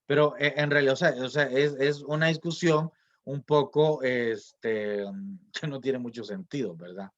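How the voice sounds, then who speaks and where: A man's voice: medium pitch, measured pace, lo-fi sound. A man giving a recorded online class, hesitant, with many fillers and restarts and rhetorical questions. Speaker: lecturer.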